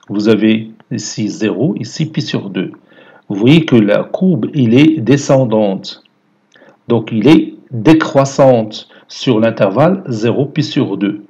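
A man's voice: mid-range voice, a little mellow, slightly rough, lo-fi sound. A man with a Moroccan accent teaching math, explaining a graph step by step and mixing French with Moroccan Arabic. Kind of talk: lecture.

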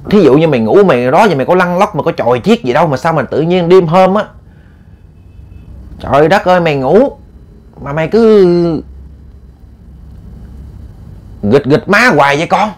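A man's voice: medium pitch, expressive, normal speed, lightly acted. A man voicing a stern, sick old mother who scolds her daughter bluntly and at length. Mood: scolding.

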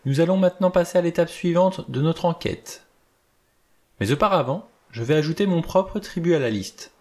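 An elderly judge with a small, crisp, slightly raised voice lays out his reasoning with cold precision, voiced by a man reading a novel aloud. He measures each word carefully and never raises his temper. The tone stays clipped and authoritative throughout. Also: fairly high pitch, expressive, pitched above the performer's own voice. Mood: measured. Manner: measured, choosing words carefully.

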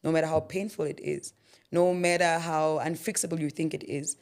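In a podcast studio with a yellow backdrop, a South African author in her thirties discusses faith as a guest, her preacherly style leaning on repeated phrases for emphasis, captured by a studio mic on a boom arm. She sounds low-pitched, darkish and brisk, with little pitch movement.

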